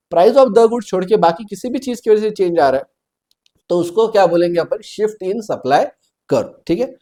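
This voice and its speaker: Hindi-English economics teacher, mellow voice. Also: male voice, sits high. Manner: explains step by step, checks in with students often; mixes Hindi with English terms, reads questions slowly. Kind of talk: exam-prep lecture.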